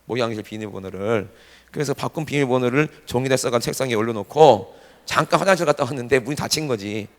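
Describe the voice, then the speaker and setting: A man preaching a revival sermon to a congregation, animated and often shouting, firing off rhetorical questions. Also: medium pitch, fast talker. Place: church sanctuary. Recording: reverberant church hall.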